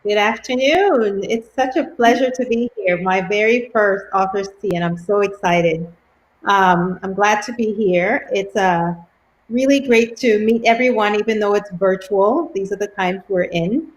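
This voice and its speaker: A woman in her forties from Cameroon, newly appointed head of a school, gives a friendly introductory welcome speech over a video call, often saying "um." Her voice is mid-range and unhurried, and the audio is poor with slight background noise.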